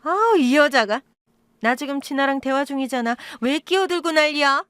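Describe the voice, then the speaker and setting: A woman's voice: lively intonation, moderate pace, no echo, studio quality. A woman voicing a scheming middle-aged birth mother who whines, pleads and flares up indignantly, in an audio drama. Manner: wheedling, indignant, talks in high pleading bursts. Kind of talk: Korean audio-drama acting.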